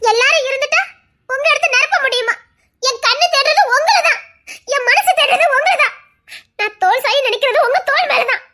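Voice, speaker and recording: A woman voicing a hurt young wife in a Tamil audio drama, pleading and tearful, rising to shouts. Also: very high voice, brisk. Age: young adult.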